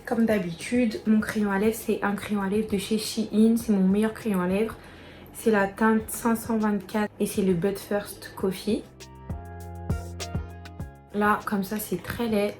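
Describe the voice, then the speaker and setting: A woman's voice: mid-range voice, a little mellow. A young woman walking viewers through a casual makeup tutorial, chatty and talking straight to them. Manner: chatty, addresses viewers directly. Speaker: beauty vlogger.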